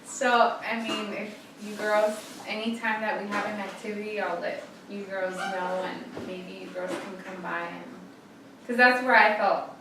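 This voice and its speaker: A woman's voice: medium pitch, steady tone, measured pace. A woman around thirty leading a girls' youth group, talking casually with many fillers and frequent laughs. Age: 30s. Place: room of a church, echoey. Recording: echoey room, mic far off, noisy background.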